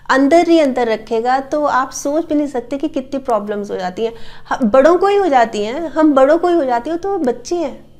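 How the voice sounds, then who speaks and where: A middle-aged woman talking earnestly to the camera as a parenting advice host, repeating her key points and acting out scolding parents. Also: high-pitched. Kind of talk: casual advice talk to camera.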